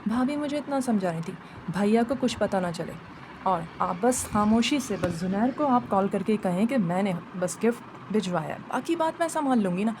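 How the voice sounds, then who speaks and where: A woman's voice: mid-range voice, animated, noisy background. A woman narrating a first-person family story and voicing the other people in it. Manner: voices the other figures in dialogue.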